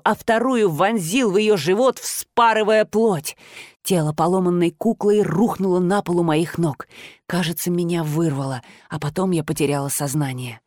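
A woman's voice: on the low side, no room sound. Woman narrating in a dry close voice. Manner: expressive, dramatic. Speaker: audiobook narrator. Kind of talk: expressive first-person fiction reading.

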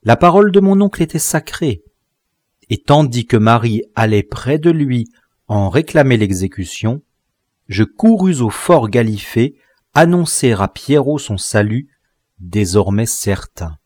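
A man narrating a classic novel as an audiobook, in an expressive literary reading. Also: medium pitch, a little slow, no echo, clean studio sound. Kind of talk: scripted narration.

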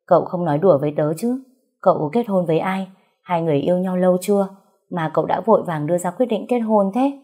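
Woman reading as a gentle earnest young woman. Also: on the low side, quick pace, husky. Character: devoted young daughter and teacher, gentle.

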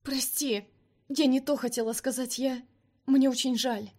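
A woman voicing a hot-tempered young vampire woman in an audiobook, pitched up and emotional. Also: steady tone, a little slow, mellow. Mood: pleading. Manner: raised, emotional pleading.

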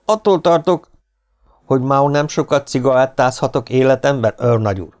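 A man's voice: medium pitch, a little mellow, voice pushed up, close to an everyday voice. A man reading an audiobook, voicing a polite, earnest aristocratic legionnaire. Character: determined young aristocratic male legionnaire. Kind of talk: audiobook character voice.

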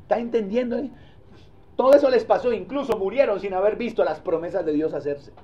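A male pastor preaches in a high voice and tells the story in a lively, animated way. He often breaks off to ask the congregation questions, and the recording sounds dull and lo-fi. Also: brisk. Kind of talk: sermon.

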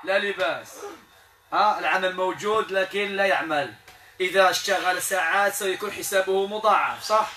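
A man with a Moroccan accent, working as a Quranic healer in a spoken exorcism session. He keeps asking short tag questions and murmurs prayers softly. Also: high voice, normal speed, noisy background. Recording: echoey room, voice from a distance, crowd behind.

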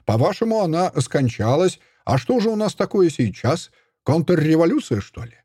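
A man reading an audiobook voices a furious old male prisoner who rants, sneers and shouts accusations in a husky voice. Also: mid-range voice, big pitch swings, moderate pace, no room sound, studio quality. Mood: sneering.

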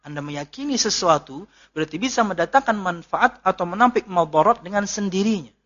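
A male preacher talks in a loose, joking lecture style and laughs at his own jokes. His voice sits high and bright. The recording sounds dull and lo-fi. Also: animated, fairly quick. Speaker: ustadz, Islamic preacher. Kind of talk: casual religious lecture with Q&A.

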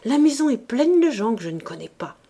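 A pompous old male judge stammers in a storybook scene, voiced by a woman. He speaks raised and loud, flustered and shaky. The voice is mellow at heart. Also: a little high, big pitch swings, a little fast, husky, pitched above the performer's own voice, exaggerated voice.

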